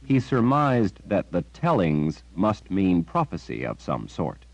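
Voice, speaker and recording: A man reading a fantasy novel as audiobook narrator, in measured scripted narration. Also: low voice, wildly swooping pitch, dry recording, poor audio.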